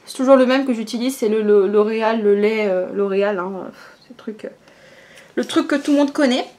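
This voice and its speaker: A young woman with a somewhat high voice talks casually as she does her makeup. She explains each step in a chatty way, dropping fillers and small "hop" sounds as she works. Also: fairly quick, darkish tone. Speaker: beauty vlogger. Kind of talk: casual get-ready-with-me makeup tutorial.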